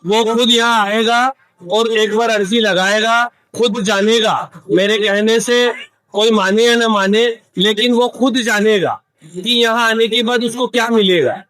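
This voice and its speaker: A man from central India, a devotee answering questions in a street interview in a calm, measured way. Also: high-pitched, dry recording, low-quality recording. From Madhya Pradesh.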